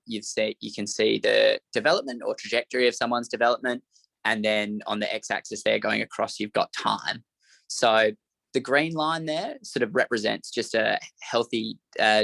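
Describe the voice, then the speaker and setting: A young man runs a youth mental health workshop, walking through slides in an explanatory way with plenty of fillers. His voice sits low and has a gravelly fry. The sound is bright and dry. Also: no echo, rough recording. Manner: explanatory, frequent fillers and hedges. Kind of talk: workshop presentation.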